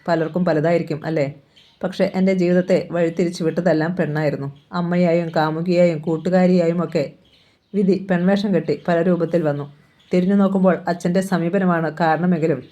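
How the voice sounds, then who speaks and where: An audiobook reader narrating a novel in a measured, reflective storytelling manner. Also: medium pitch, warm tone.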